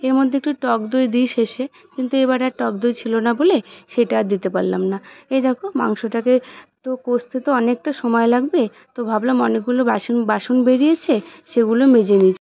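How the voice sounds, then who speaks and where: A woman's voice: on the high side, a little fast, vocal fry, no room sound. A young woman vlogging from her home kitchen, chatting casually to viewers as she narrates her cooking and chores step by step. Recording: dull lo-fi home recording.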